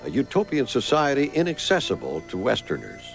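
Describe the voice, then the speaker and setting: A man's voice: mid-range voice, wildly swooping pitch, a little fast, gravelly. A man reading scripted documentary narration as the film's narrator. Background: music.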